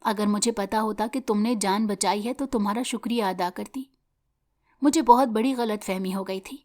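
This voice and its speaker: A woman's voice: medium pitch, steady tone, a little mellow, lightly acted. A woman voicing a frightened young woman who pleads in a story reading. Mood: pleading.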